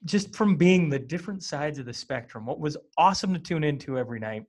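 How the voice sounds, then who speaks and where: Brief: male interview host from Western Canada, slightly high voice, relaxed rambling questions. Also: fast talker. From small-town Western Canada. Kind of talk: casual interview.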